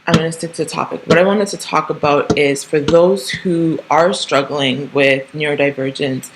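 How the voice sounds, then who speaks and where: This podcast host, a woman in her thirties who grew up in Canada, speaks at a normal speed in a low, steady voice. Her casual solo monologue wanders, full of ums, restarts and tag questions, and the poor audio carries slight background noise.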